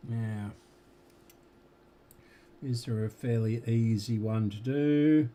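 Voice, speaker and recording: A man's voice: mid-range voice, mellow. An Australian man casually talking through a radio repair at his workbench, muttering to himself as he works and now and then talking with his mouth full. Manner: slow, muttering to himself while working. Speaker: electronics repair hobbyist.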